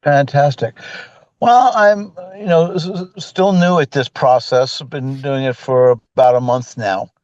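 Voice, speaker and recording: A man new to real estate asking a question on a video call, halting and hesitant with many restarts. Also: medium pitch, a little mellow, no echo, lo-fi sound. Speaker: caller, new agent.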